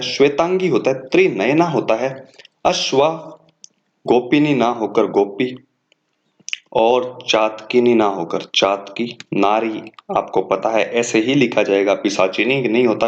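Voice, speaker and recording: A man's voice: mid-range voice, highs cut off. A man teaching an exam-prep class, reading out words one at a time and correcting the wrong forms. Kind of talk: exam coaching lecture.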